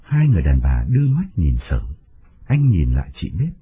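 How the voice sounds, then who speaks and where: Expressive male storyteller, tinny audio. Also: low-pitched, brisk. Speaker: narrator. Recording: tinny phone-like sound, faint music.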